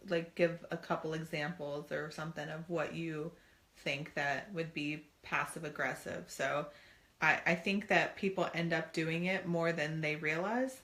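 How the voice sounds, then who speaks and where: A woman's voice: sits low, pushed and bright. A woman co-hosting a family talk show, chatting earnestly and putting on playful voices for quotes. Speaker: co-host. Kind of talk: casual chat.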